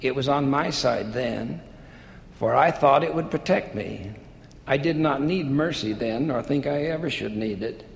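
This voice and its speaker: A desperate debtor pleading to be spared, voiced by a man telling a parable. His voice is gravelly, with the long ring of a large hall behind it. A faint hiss runs under the recording. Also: mid-range voice, unhurried. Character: desperate male debtor begging for mercy.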